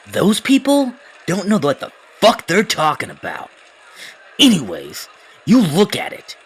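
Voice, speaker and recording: Man doing a low, cocky, grumbling anime racer. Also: wildly swooping pitch, measured pace, husky, heavily acted. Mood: irritated, dismissive. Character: cocky, irritable male racer, dismissive and petty. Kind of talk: anime fan dub.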